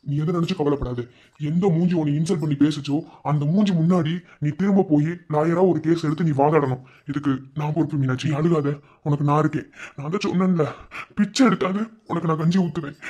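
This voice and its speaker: A man's voice: a little high, a little mellow, lightly acted. A man voicing a young, protective village husband in a cartoon, with a Madurai Tamil accent and a firm, reassuring manner. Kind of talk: cartoon voice acting.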